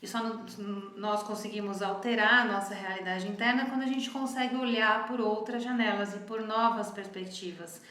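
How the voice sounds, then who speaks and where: A woman, a therapist giving a calm, reflective teaching talk, often checking in with "né?". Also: mid-range voice, normal speed, hardly any pauses. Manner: calm, explanatory, often adds "né?". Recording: echoey room.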